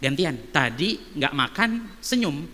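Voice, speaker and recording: High bright man preaching in echoey hall. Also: takes it slowly. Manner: animated, many rhetorical questions. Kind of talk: sermon with storytelling. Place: mosque hall.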